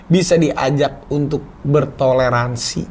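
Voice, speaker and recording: A man's voice: mid-range voice, measured pace, a little mellow, slight background noise. A man in his thirties in a casual chat, playful and laughing, explaining his points through made-up everyday examples. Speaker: co-host.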